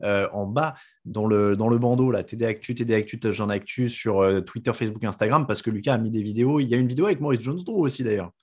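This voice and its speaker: A man's voice: fairly low pitch, quick pace, breathy edge. A man hosting a podcast, chatting casually and plugging the show's social media. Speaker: podcast host.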